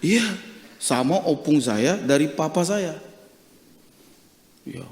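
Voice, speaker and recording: A middle-aged male pastor preaching a sermon, telling a personal story in a lively, joking way with frequent hallelujahs. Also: a little high, slow pace. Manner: lively, jokey, peppered with hallelujahs. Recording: reverberant church hall.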